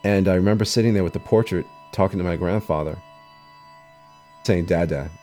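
A man with a very low, mellow voice tells a personal story earnestly. Soft guitar music plays faintly underneath. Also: brisk. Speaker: interviewee.

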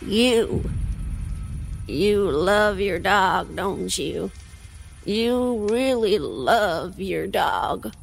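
A man voicing an eerie old grandmother with a slow drawl. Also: sits high, lively intonation, creaky, soft background music, pitched above the performer's own voice, full character voice. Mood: menacing. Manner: slow drawling Southern speech.

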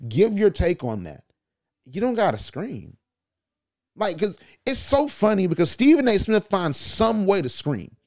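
Animated male podcast host. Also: sits high, measured pace, no echo, studio quality. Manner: animated, conversational, loose slang. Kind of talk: casual opinion commentary.

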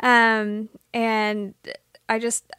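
A woman's voice: on the high side, monotone, very slow, smooth, no echo, clean studio sound. A woman hosting a talk show, introducing her friend in a heartfelt, rambling way. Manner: warm-hearted, emotional, rambling. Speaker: host. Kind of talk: casual chat.

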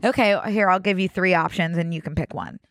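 A woman's voice: lowish voice, a little fast, no echo. A woman co-hosting a podcast, chatting casually in a playful, informal way. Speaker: podcast co-host. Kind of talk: casual chat.

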